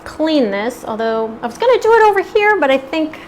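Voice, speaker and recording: Woman, live cooking demo host, chatty, upbeat, fairly high voice, slight background hiss. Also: sing-song, a little fast. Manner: chatty, upbeat, eating while talking. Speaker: cooking demonstrator.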